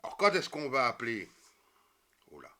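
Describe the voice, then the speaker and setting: A man's voice: mid-range voice, huge pitch swings, moderate pace, pushed and bright. A man explaining a coding tutorial step by step, with many fillers and self-corrections. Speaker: programming tutorial teacher. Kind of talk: screen-recorded coding tutorial.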